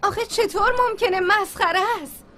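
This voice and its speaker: A woman's voice: extremely high pitch, pushed and bright, slight background noise. A woman dubbing a film role as a sarcastic, accusing house buyer. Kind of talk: dubbed film dialogue.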